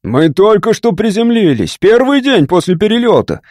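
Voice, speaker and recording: A man voicing an irate, gruff male starship captain in an audiobook. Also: a little high, sing-song, moderate pace, a little mellow, no echo, clean studio sound. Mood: protesting. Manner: gruff, explosive, grumbling.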